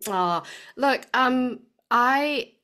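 A woman's voice: high voice, expressive, drawn-out words, sharp tone. A woman in her forties from Singapore with a Singaporean accent and a slight New Zealand tinge, chatting as a podcast guest with frequent fillers. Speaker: guest, health coach. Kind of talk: podcast interview.

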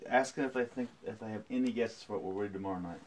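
A man's voice: fast talker, a little hiss or hum. A man in his thirties, a father reading a picture book aloud to his daughter on a live stream, playful and breaking off for jokey asides. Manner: swings pitch widely, jumps high for quoted voices.

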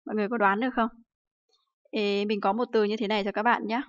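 Speaking fast in a flat, medium-pitched voice, this woman from Vietnam runs a Japanese lesson over livestream. She frequently poses rhetorical questions and fills gaps with lots of fillers, all captured in dry, somewhat dull audio.

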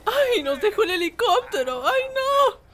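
A woman's voice: very high-pitched, very animated, a little slow, a bit bright, heavily acted. A woman voicing Whis, a timid, fussy male angel in a comic fan animation, sighing and shrieking in fright. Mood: panicky excited. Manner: camp, sighs "ay" constantly, shrieks when scared. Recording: game music playing behind the voice.

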